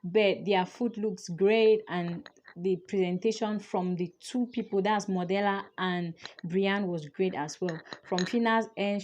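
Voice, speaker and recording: A woman's voice: medium pitch, darkish tone. A young woman chatting casually as she recaps a reality show, opinionated and thinking aloud with fillers. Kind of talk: casual chat.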